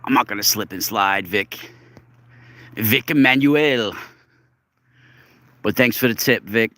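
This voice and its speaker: Walking in snow along a road outdoors, a livestream host talks casually to his viewers, musing earnestly and stretching words for emphasis. His voice is fairly low with a bright, forceful tone at a moderate pace, and there's no echo.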